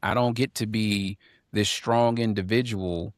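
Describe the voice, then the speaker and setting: A man's voice: lowish voice, steady tone, measured pace, no room sound, studio quality. A man co-hosting a casual podcast panel, talking emphatically, repeating lines for punch and reading viewer comments aloud. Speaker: podcast co-host.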